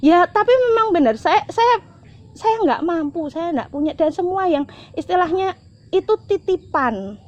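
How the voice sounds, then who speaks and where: A middle-aged woman, telling a heartfelt personal story as an interview guest, often repeating herself and swinging between bright and hushed. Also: extremely high pitch, animated, unhurried. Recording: slightly dull lo-fi sound.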